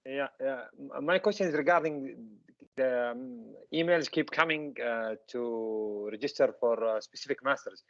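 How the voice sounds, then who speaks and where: Gravelly man on a muffled video call. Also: mid-range voice, a bit bright, dry recording. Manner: hesitant, halting with fillers. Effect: heard over a video call. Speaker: webinar attendee asking a question.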